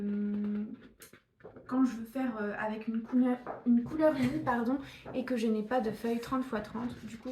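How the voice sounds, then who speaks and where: A woman's voice: fairly high pitch, a little mellow, a little hiss or hum. A woman from northern France chatting through a scrapbooking haul, hesitant with many fillers and restarts. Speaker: scrapbooking YouTuber. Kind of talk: casual haul video.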